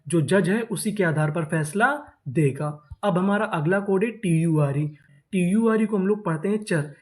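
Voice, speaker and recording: A man with a high, slightly mellow voice teaches English reading in a phonics lesson, spelling words out letter by letter and then repeating them.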